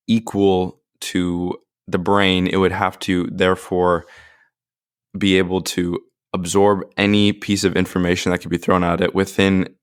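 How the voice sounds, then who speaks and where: A man with a low, even voice talks through his ideas in a relaxed podcast chat. His tone is smooth and clear, and the sound is dry and close. He often stops to hedge with "like" as he works out a point. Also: no room sound. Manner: thinks aloud, with many filler likes. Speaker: podcast co-host. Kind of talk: casual discussion.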